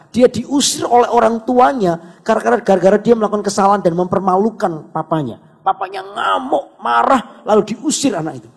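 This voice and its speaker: Gravelly-voiced preacher in a reverberant church hall. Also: male voice, sits high. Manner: animated storytelling, acts out classmates' voices. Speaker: pastor. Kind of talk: sermon with personal story.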